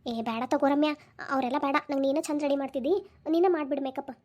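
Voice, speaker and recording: A woman's voice: sits high, steady tone, rapid-fire, a little mellow, lo-fi sound, natural voice. A woman voicing a homesick, weepy young pregnant wife, in a Dharwad Kannada accent. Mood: worried. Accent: North Karnataka (Dharwad) Kannada. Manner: weepy, plaintive.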